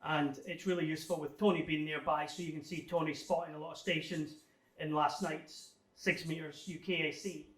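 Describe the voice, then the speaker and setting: Here a man with a slightly bright, higher voice talks fairly quickly in a level tone while presenting technical slides as a guest at an amateur radio club. His delivery is informal, chatty and somewhat unsure. The indoor room echoes, and the microphone is placed well back from him.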